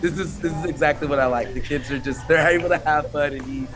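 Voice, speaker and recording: A man's voice: on the high side, fairly even intonation, fast. A young man, a tennis camp counselor, answering interview questions in a chatty way with many fillers, retelling what campers said. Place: outdoor tennis courts.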